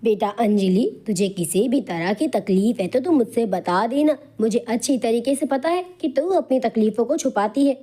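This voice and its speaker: A woman voicing a kind middle-aged family friend who speaks gently and reassuringly in an animated storybook. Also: on the high side, normal speed, hardly any pauses, lightly acted. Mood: caring.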